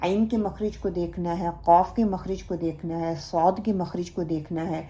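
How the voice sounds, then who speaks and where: A woman's voice: lowish voice, steady tone, dark tone. A woman teaching Quran recitation in a recorded lesson, patiently explaining each sound step by step and modelling it herself.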